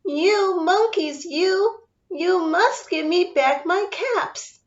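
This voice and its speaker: A woman voicing an angry man peddler who shouts and scolds slowly. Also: high-pitched, expressive. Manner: stern, shouting, drawn-out. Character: angry man peddler shaking his fist. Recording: dull lo-fi sound.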